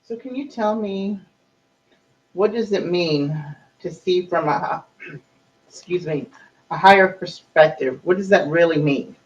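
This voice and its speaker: A woman's voice: on the low side, slow, long pauses. A woman casually reading out audience questions in a question and answer session, on a muffled recording. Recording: dull, muffled lo-fi sound.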